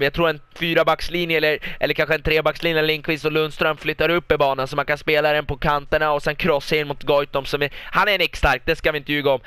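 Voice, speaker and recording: A young Swedish man doing lively mock football commentary over a video game, often breaking into excited shouts and repeated goal calls. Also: on the high side, clear, resonant tone, no room sound. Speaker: gaming YouTuber commentating his own match.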